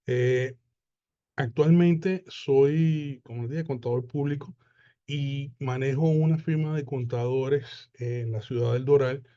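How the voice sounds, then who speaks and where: A man, presenting a webinar as an accountant, unhurried and full of hesitations and repeated words. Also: medium pitch, fairly even intonation, warm tone, muffled recording. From Puerto Rico. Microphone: video call.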